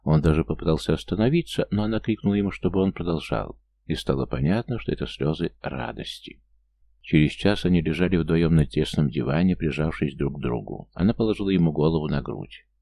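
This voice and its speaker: A man reading a novel aloud as narrator in steady, measured storytelling. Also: extremely low pitch. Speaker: audiobook narrator. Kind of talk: scripted narration.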